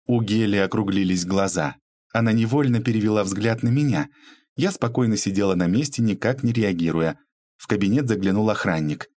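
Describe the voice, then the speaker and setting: A man narrating an audiobook with an expressive reading. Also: lowish voice, fairly quick, dry recording, clean studio sound.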